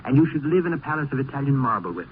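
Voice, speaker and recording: A tinny, faintly noisy old radio recording carries an actor as an ardent male poet. His pitch swoops as he pours out flowery, theatrical devotion in 1950s radio drama style. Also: sing-song, rapid-fire, close to an everyday voice. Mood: ardent, dreamy.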